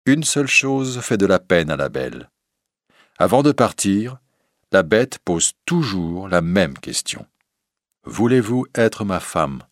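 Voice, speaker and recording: A man narrating a fairy tale in a slow, clear, measured reading. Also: sits low, sing-song, no echo, clean studio sound. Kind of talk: storybook reading.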